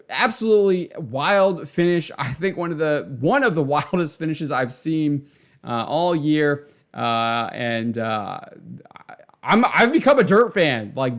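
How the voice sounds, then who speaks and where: Excitable man recapping a race. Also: mid-range voice. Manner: excitable, chuckling, repeats words. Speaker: racing video host. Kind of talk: casual race recap commentary.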